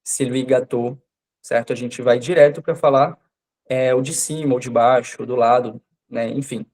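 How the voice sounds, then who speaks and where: A male language teacher whose first language is Portuguese, running a live online French class. He speaks at an ordinary pitch and explains grammar patiently, stopping often to check that his students understand. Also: steady tone, moderate pace, a little mellow.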